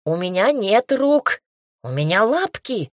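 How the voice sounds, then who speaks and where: A woman's voice: mid-range voice, big pitch swings, slow, no echo, clean studio sound, pitched above the performer's own voice. A woman voicing a plump, mischievous ginger male magic cat in an audiobook, drawing out her words. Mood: theatrical.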